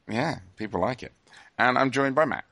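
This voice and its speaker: A man's voice: mid-range voice, moderate pace, vocal fry, sharp tone. A man hosting a casual podcast chat, hesitant and full of ums. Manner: hesitant, filler-heavy. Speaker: podcast host.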